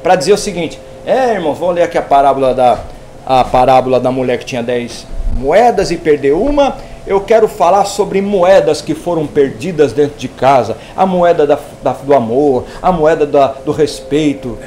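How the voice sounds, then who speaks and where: A man teaching a hermeneutics class, retelling a parable in an animated way and acting out the characters' lines. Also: on the high side, moderate pace. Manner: animated storytelling, acts out dialogue with shifting voice. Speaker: Bible teacher. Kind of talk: informal theology class lecture. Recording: echoey room, voice from a distance, faint noise.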